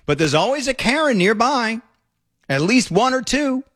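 A fairly high-voiced man hosts a talk radio show, and his commentary comes out sarcastic and mocking. He gets excitable as he talks over clips, speaking close to a studio broadcast mic. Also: normal speed.

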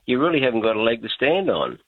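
A husky, medium-pitched man from Queensland, Australia, phones in to a radio show over a tinny line. He talks quickly and very animatedly, laid-back and chuckling, and keeps repeating his points.

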